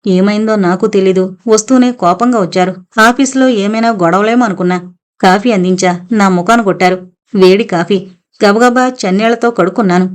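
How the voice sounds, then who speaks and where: A woman's voice: medium pitch, fairly quick, close to an everyday voice. Woman reading as a weary, tearful housewife. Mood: despairing. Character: beaten, despairing housewife.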